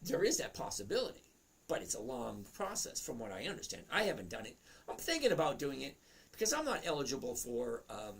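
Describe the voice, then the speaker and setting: A husky-voiced man hosts a casual trading livestream. He chats loosely, cracks jokes and answers viewers by name. His voice sits at a middling pitch. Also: huge pitch swings, fairly quick, a bit bright. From Boston area. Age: 60s. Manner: chatty, jokey, talks straight to viewers by name. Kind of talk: casual livestream chat reading viewer comments.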